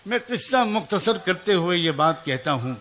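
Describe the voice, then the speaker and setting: A man's voice: high voice, expressive, fairly bright tone. A man preaching a sermon as a story, emotive and dramatic, speaking each figure's lines himself and turning to address mothers and young people directly. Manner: emotive, voices the teacher, child and mother in turn.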